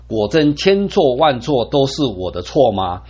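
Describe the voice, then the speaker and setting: A man's voice: mid-range voice, big pitch swings, unhurried, a little mellow, husky. A man reading the lines of an anguished, suffering old man who pleads with God and laments that he is being wronged. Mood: anguished pleading.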